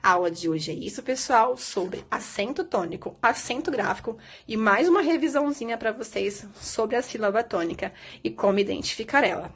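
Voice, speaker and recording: A woman's voice: on the high side, lively intonation, moderate pace, few pauses, breathy edge. A woman teacher patiently explaining a primary school lesson, asking the children questions. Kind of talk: recorded remote lesson.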